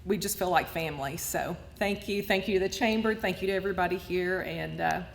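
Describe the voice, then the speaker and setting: A woman's voice: fairly low pitch, brisk, creaky, a little hiss or hum. A woman in her fifties, tearful and openly emotional, giving an acceptance speech. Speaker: award recipient. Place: large event hall at a lunch. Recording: long hall reverb, faint room ambience.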